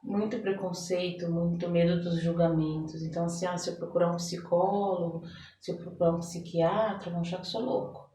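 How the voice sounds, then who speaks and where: Recorded on a distant mic with roomy echo and slight background noise, this Brazilian podcast guest, who works as a therapist and oracle card reader, chats in an interview. Her voice is on the low side and dark, with fairly even intonation and a fairly quick pace, and she explains ideas by acting out short quotes.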